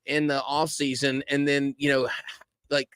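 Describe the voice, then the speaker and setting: Animated, bright-voiced man rambling casually. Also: mid-range voice, measured pace, clean tone, dry recording, studio quality. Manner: rambling, animated storyteller with lots of fillers. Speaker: podcast co-host. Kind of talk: casual live-stream chat. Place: live-stream studio.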